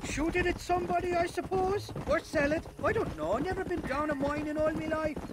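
A man's voice: very high voice, a little fast. Sly drunken Irish conman. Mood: scheming. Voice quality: rambling, sly, boozy chatter. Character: shifty drunken Irish conman, middle-aged man.

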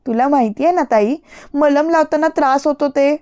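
A woman's voice: high-pitched, normal speed, warm tone, highs cut off, voice pushed up, lightly acted. A woman voicing a shy young woman who scares easily, speaking in a pleading, girlish way in an audiobook story. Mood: plaintive. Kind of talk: audiobook character reading.

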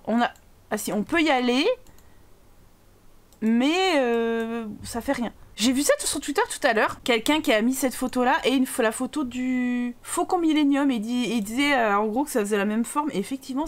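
A woman giving playful, lively Let's Play commentary as a gaming YouTuber, voicing her game characters' lines. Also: high voice. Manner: lively, playful, voices her Sims' dialogue.

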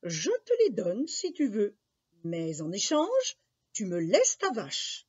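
A woman voicing a strange, sly old man who calls himself a magician, in a coaxing, drawn-out voice. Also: mid-range voice, huge pitch swings, darkish tone, husky, heavily acted. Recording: dull lo-fi recording.

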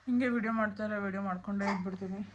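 Young mother vlogger, mid-pitched, soft chatty delivery to a phone at home, heavy background noise. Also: steady tone, rapid-fire, highs cut off. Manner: soft-spoken, chatty, mixes in English words. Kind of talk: casual home vlog talk to camera. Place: home, indoors.

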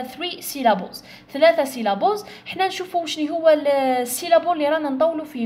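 Speaking in a high-pitched voice, a young woman with an Algerian Arabic accent tutors English for an exam. She walks through it step by step and sounds out English words slowly to mark their stress.

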